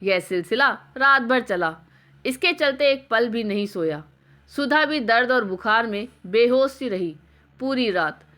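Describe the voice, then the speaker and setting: A woman tells a scripted family story in a measured, emotive voice. Her voice sits fairly high, and she reads at a steady storyteller's pace.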